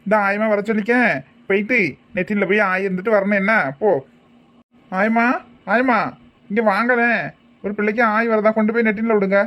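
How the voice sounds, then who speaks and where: A man playing a brisk, sharp-tongued kindergarten teacher. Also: high voice, flat delivery. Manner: brisk, bossy, quick to threaten. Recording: dull lo-fi sound.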